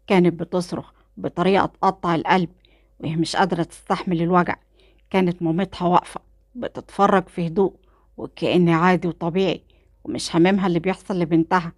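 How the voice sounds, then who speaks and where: A woman with an Egyptian Arabic accent reads a romantic thriller aloud in first person, in a calm, measured storyteller's voice. Her voice sits on the low side, and the recording is close and dry. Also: dry recording.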